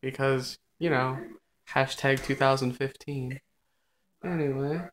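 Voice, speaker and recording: A man's voice: mid-range voice, fairly even intonation, takes it slowly, fairly bright tone, a little hiss or hum. A young man hosts a casual vlog, talking off the cuff. He is recorded indoors on a phone held out on a selfie stick. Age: young adult. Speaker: vlog host. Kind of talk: casual chat on the fly. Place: small dim room indoors. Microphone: phone on a selfie stick at arm's length.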